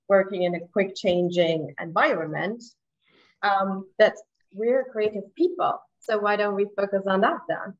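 A woman presenting software in an online webinar, hesitant, with frequent ums and rhetorical "right?" checks. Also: mid-range voice. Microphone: video call. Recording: lo-fi video call audio.

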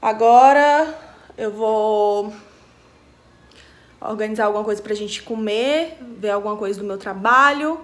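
A woman's voice: mid-range voice, a little slow, pauses often. A young woman chatting straight to her viewers in a casual home vlog, filmed on a handheld camera at arm's length in her kitchen and living room. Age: young adult. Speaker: vlogger.

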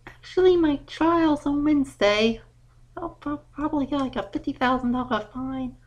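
A man's voice: extremely high pitch, normal speed, lo-fi sound, voice pushed up. A man voicing a brash young female pegasus pony who stammers and pleads nervously in a fan audio drama. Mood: sheepish.

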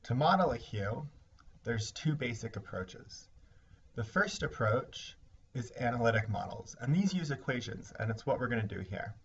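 A man teaching a recorded lesson, explaining ideas step by step in a measured way. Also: mid-range voice, animated, breathy edge. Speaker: instructor. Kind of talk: recorded lecture. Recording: slightly dull lo-fi recording with faint hiss.

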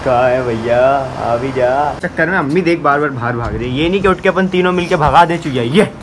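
A young man from Pakistan with a Karachi Urdu accent, vlogging at home in a chatty, excitable, teasing way. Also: on the high side, fairly quick, slight background noise. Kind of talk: casual home vlog. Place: family home indoors.

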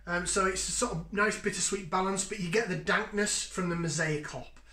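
A man in his thirties sits in his home kitchen reviewing a beer, chatting enthusiastically as he sniffs and sips. His voice is high-pitched and sharp, delivered at a moderate pace. A fixed camera at table distance picks him up in the echoey kitchen for this casual tasting.

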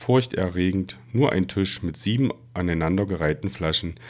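A man reading a children's fantasy book aloud in a steady storytelling manner. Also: deep voice, normal speed. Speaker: reader.

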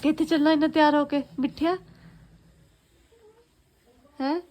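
A woman's voice: high voice, flat delivery, moderate pace, a little mellow. A woman with an Indian Punjabi accent chatting casually in a home vlog, playful and doting, often repeating phrases as she coaxes her child. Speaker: family vlogger, mother. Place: at home, indoors.

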